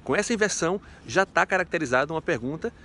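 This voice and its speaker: A man's voice: a little high, animated, fast talker, sharp tone, slight background noise. A man teaching a casual video lesson in a chatty, playful way, asking himself rhetorical questions. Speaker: French teacher.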